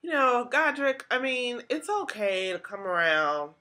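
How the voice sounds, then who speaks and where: A woman's voice: fairly high pitch, sing-song, unhurried, bright, forceful tone. A woman hosting a podcast, talking through a TV episode in a chatty, casual way with lots of "like" and restarts. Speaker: podcast host.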